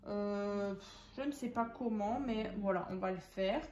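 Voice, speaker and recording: A woman's voice: mid-range voice, a little slow, darkish tone, a little hiss or hum. A woman hosting a casual craft tutorial, chatting and thinking aloud as she works and counts out pieces. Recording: echoey room.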